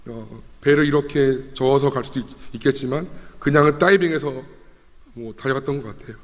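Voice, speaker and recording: A young man preaches a sermon from a church sanctuary. His voice sits at a mid pitch, and his delivery is conversational and emotive, with rhetorical questions and repeated phrases. The hall adds a long, trailing reverb. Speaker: junior pastor.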